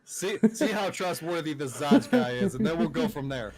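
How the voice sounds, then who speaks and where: A man's voice: fairly high pitch, animated, moderate pace, a crowd in the background. A man playing a tabletop game, talking bluntly and half-jokingly making threats. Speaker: player. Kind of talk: casual chat during a tabletop game.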